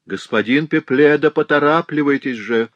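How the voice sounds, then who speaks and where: A piercing, high-pitched stranger, as a male reader puts him on shouts pushily from upstairs in an audiobook. The shrill voice sits far above the reader's own low tone. The recording is dry and close. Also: very animated, moderate pace, dry recording, lo-fi sound. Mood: urgent calling. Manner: urgent, insistent shouting. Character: mysterious shrill male voice calling from upstairs, pushy.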